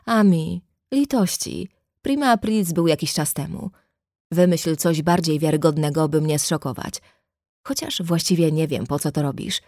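A woman's voice: low-pitched, moderate pace, darkish tone, no echo, studio quality. A woman voicing an angry young brother. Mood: tense.

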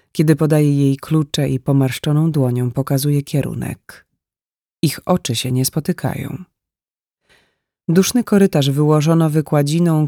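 A man narrating a literary short story in a calm, even storytelling manner. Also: fairly high pitch, gravelly, dry recording, studio quality.

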